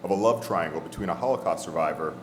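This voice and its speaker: A man's voice: low-pitched, quick pace, reverberant, slight background noise. A man from Texas, a novelist, describing his book on a festival panel with a hesitant delivery full of fillers. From Texas, USA. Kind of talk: panel talk.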